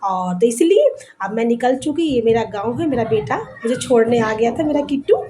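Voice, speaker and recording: High-voiced chatty young woman from Bihar. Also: expressive, normal speed, warm tone, a little hiss or hum. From Bihar, India. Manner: chatty, repeats words while thinking. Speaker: vlogger. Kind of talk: casual vlog chat. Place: outdoors on a village road, walking.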